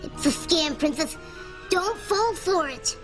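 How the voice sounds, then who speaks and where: A woman voicing a small male doll figure that pleads anxiously in a squeaky voice. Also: lively intonation, slow pace, over music, exaggerated voice. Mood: warning.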